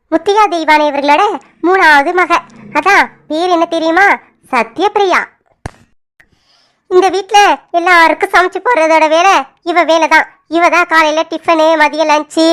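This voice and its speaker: A woman's voice: extremely high pitch, a bit bright. A woman narrating a cartoon serial in a chatty way, speaking directly to the audience and introducing the characters. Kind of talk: storytelling narration addressing the audience.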